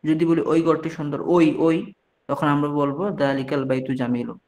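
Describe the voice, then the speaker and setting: A man's voice: fairly high pitch, steady tone, brisk, darkish tone. A man from Bangladesh teaching an online class, patiently reading each short phrase aloud and then translating it, often cutting off and restarting a word. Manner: frequent restarts and mid-word corrections. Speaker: Arabic teacher.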